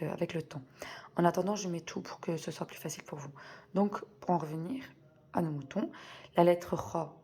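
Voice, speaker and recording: A woman teaching a reading lesson, explaining slowly and patiently and repeating sounds in drills. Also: lowish voice, mellow, slightly rough.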